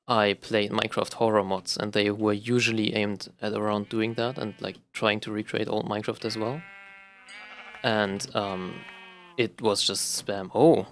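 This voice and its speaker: A young German gaming vlogger with a German accent rambles unscripted while playing a game, full of fillers and restarts. His voice is fairly low in pitch and a bit bright.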